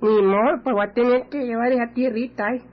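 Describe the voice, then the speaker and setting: A man's voice: very high-pitched, steady tone, fairly quick. An actor playing a brash middle-aged village man who curses constantly and stammers when upset, in a lo-fi radio recording. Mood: blustering. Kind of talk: radio comedy acting.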